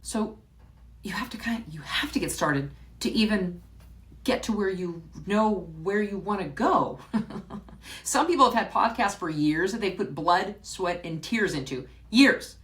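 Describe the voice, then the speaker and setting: A woman hosts her own podcast, reflecting solo to her listeners in a chatty, unhurried way. Her mid-range voice is expressive and fairly bright, and she often repeats words, restarts sentences, and laughs now and then.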